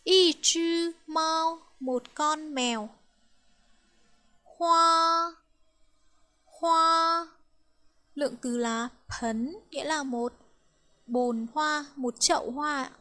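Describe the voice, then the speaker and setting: A woman teaching Chinese with a Vietnamese accent, counting strokes aloud and drilling words slowly and carefully. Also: sits high, bright, forceful tone. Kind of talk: slow, careful language lesson.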